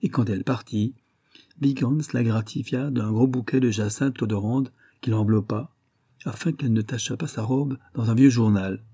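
A man reading a detective story aloud in measured, dramatic narration. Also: medium pitch, mellow, breathy edge, no echo, clean studio sound. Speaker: audiobook reader. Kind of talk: scripted narration.

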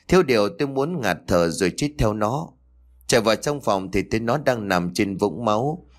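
A man's voice: on the low side, natural voice. A man voicing a grieving middle-aged mother who talks through sobs in a spoken ghost story. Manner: sobbing, lamenting.

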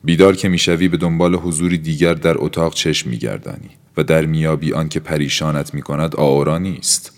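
Man narrating in an extremely deep voice. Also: fairly even intonation, hardly any pauses. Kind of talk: scripted audiobook narration. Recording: long hall-like reverb.

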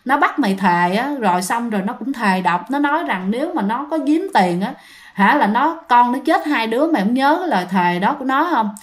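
A woman's voice: fairly high pitch, animated, fairly quick, natural voice. A woman voicing an indignant, scolding neighbor woman.

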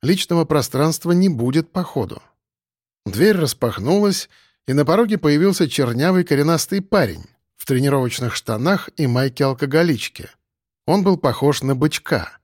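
A man narrating a first-person audiobook in a wry, lively way. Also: fairly high pitch, normal speed, no echo, studio quality.

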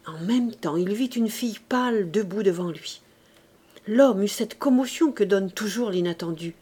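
Brief: woman narrator, mid-pitched and mellow, reading a classic novel with measured expression. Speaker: audiobook narrator.

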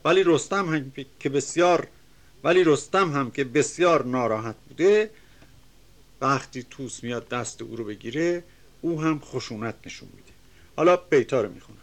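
An older man giving a lecture, reciting classical verse slowly and with emphasis, then explaining each line in plain conversational speech. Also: medium pitch, lively intonation.

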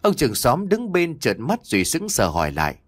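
A man's voice: mid-range voice, huge pitch swings, brisk, no room sound, clean studio sound. A man narrating a scripted horror story in a dramatic, ominous storytelling manner.

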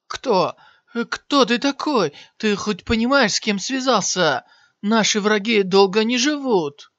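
A man voicing an arrogant clan warrior who shouts, his voice cracking high when he begs. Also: a little slow, clear, resonant tone, no room sound. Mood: shocked, menacing. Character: arrogant clan warrior, male, turns terrified. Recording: slightly dull, dry lo-fi sound.

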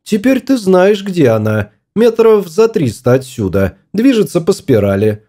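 A sharp-tongued young wife aboard a small spaceship, as a male reader puts her on, her voice lifted high and swinging widely as she scolds. The tone stays soft and mellow underneath, a storybook spouse who snaps back at every word. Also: very animated, unhurried, heavily acted. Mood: angry.

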